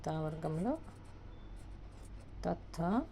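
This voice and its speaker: A woman teacher with a Telugu accent calls out the letters of the alphabet slowly, one by one, repeating them for her pupils. Her voice is dark and gravelly. A faint hiss sits under the recording. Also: deep voice, lively intonation. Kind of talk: alphabet lesson, writing on a board.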